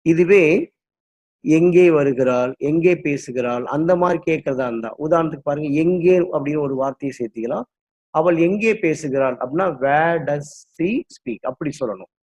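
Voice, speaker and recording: A man's voice: fairly high pitch, darkish tone. A man teaching English grammar, explaining patiently and drilling sentence patterns one by one. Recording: dull lo-fi recording.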